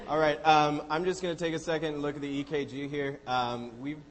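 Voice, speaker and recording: A man reading out findings hesitantly, with many ums and frequent throat clearing. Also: on the high side, steady tone, normal speed, in a large hall. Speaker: medical student presenter. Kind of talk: class case presentation.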